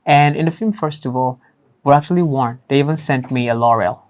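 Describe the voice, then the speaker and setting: A young man with a boyish voice that lacks deep range, talking casually as an interview guest. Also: a little fast, a little mellow. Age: young adult. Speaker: interview guest, voice actor and writer.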